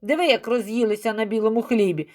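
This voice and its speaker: A woman's voice: a little high, fast talker, darkish tone, natural voice. Woman playing a cheeky street boy. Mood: defiant. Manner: cheeky, theatrical. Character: cheeky hungry street boy, quick-witted.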